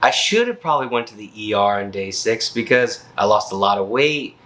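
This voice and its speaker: A man's voice: fairly low pitch, lively intonation, a little fast, pushed and bright. A worn-out man vlogging about his health in a casual, slangy, rambling way. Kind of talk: casual chat, health update.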